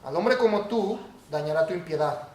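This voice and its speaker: Pastor guy preaching hard, high voice, faint hiss behind. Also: lively intonation, normal speed, far from the mic. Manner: emphatic, rising to forceful peaks. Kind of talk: sermon. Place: church hall. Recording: echoey church hall, faint noise.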